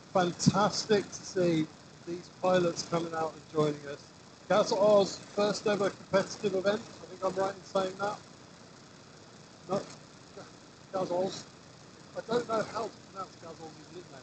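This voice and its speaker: Male live event announcer, high pitch, upbeat showy party-host delivery, clear vehicle noise in the background. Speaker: event host and announcer at a drone race prize-giving. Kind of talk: live prize-giving announcing.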